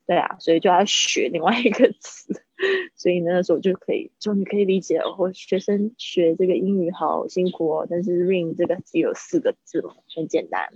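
A woman's voice: fairly low pitch, a little mellow, slightly rough, dry recording, dull audio. Chatty woman teaching English words. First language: Chinese. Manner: chatty, repeats words slowly to model pronunciation. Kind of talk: livestreamed vocabulary lesson.

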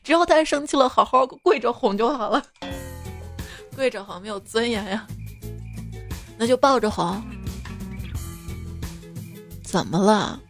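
Playful, fairly high-voiced woman host. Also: measured pace, long pauses, a bit bright, faint music behind. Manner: playful, teasing, laughs often. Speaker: radio host. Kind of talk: scripted comic monologue.

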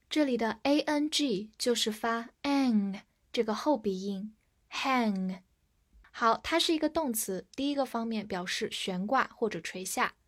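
Woman, vocabulary teacher, somewhat high voice, slow deliberate spelling and repetition. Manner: slow, careful spelling of words letter by letter; has learners repeat after her. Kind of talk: recorded vocabulary lesson.

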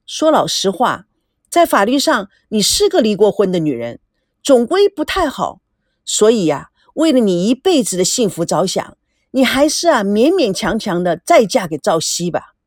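A woman voicing a sly, playful older brother who teases in a lowered, drawling voice. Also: sing-song, moderate pace, no echo, clean studio sound. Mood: teasing.

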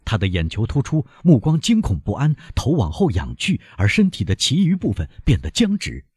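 Husky-voiced male audiobook narrator. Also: medium pitch, normal speed, no room sound, clean studio sound. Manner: expressive, dramatic.

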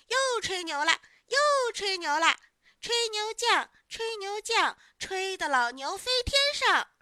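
A woman's voice: very high-pitched, animated, takes it slowly, sharp tone, no echo, clean studio sound, pitched above the performer's own voice, heavily acted. A woman doing a chanting gang of kids. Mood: taunting. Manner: taunting, sing-song chanting. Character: group of teasing village children.

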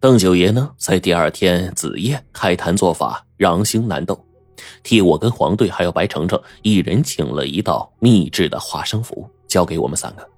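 A man narrating a first-person story in a wry, lively storytelling manner. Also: deep voice, slightly rough, no room sound, studio quality.

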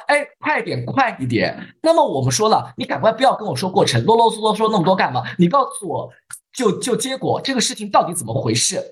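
A man's voice: mid-range voice, husky. A man explaining workplace communication on a podcast, posing rhetorical questions and answering them himself.

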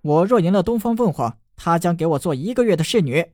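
A brash young fighter who needles his opponent with a cocky, teasing edge, as a male narrator plays him. He talks briskly in a slightly raised voice, a storybook rogue who enjoys provoking people. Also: a little high, lively intonation, darkish tone, no room sound, studio quality, close to an everyday voice. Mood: taunting.

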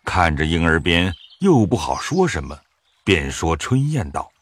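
A narrator telling a classic novel in measured scripted narration, with a husky voice. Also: sits low. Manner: measured storytelling with lively rise and fall.

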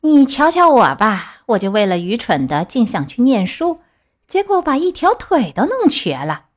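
A woman voicing a sly, scheming male fox in a storybook reading, smooth and falsely polite. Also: fairly high pitch, big pitch swings, normal speed.

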